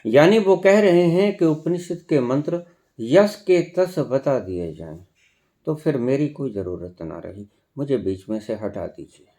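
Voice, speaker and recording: A man delivers a sermon at an unhurried pace. His pitch swings widely, climbing on emphatic phrases before settling back down as he explains. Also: expressive, mellow. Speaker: spiritual teacher.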